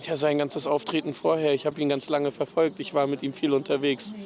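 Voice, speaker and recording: A man's voice: a little high, flat delivery, fairly quick, a little mellow. A man giving brief plain answers in an outdoor interview. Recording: crowd chatter, distant.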